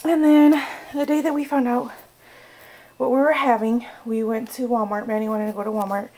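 A woman's voice: on the high side, level tone, normal speed, a little mellow, low-quality recording. A young American woman chatting casually in a vlog, rambling with lots of fillers. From United States. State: out of breath. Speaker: vlogger.

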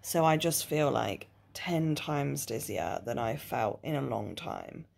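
A woman's voice: rumbling low, lively intonation, takes it slowly, gravelly, darkish tone, slight background noise. A woman in her twenties talking casually to her video diary, tired and nauseous, speaking wearily with a sore jaw after dental surgery. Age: 20s. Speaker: vlogger. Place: small living room or bedroom at home.

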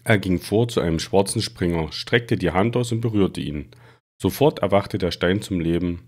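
Deep-voiced man reading a story aloud. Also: normal speed. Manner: steady storytelling. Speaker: reader.

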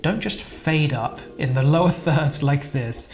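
A man walking through video editing steps in a casual, chatty tutorial, relaxed and loose with his wording. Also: a little high, a little slow, faint music behind. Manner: chatty, relaxed, with fillers and laughs. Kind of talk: casual screen-recorded tutorial.

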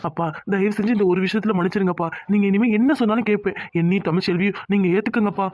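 An earnest young son from a cartoon, as a man voices him, pleading hard with a high, quick voice. The sound is dry and dull, lo-fi. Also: fairly even intonation, no room sound, close to an everyday voice. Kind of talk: cartoon dubbing. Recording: dull lo-fi audio.

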